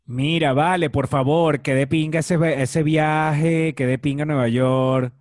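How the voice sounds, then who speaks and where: A young Venezuelan man trades teasing jokes with his co-host in a casual chat. His voice sits fairly high, and it sounds dry and close. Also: fairly even intonation, a little slow, darkish tone, no echo. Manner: joking, teasing banter.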